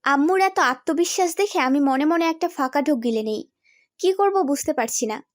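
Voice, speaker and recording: A young woman narrating a story in the first person, expressive and storytelling. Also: high-pitched, normal speed, dry recording, clean studio sound.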